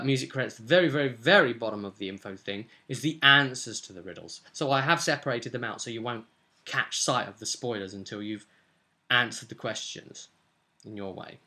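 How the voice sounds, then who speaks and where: A young adult man gives a casual, unscripted vlog recap as a tabletop game master, explaining things in a loose, rambling way. His voice is medium-pitched, pushed and bright. He's indoors in a small furnished room at home.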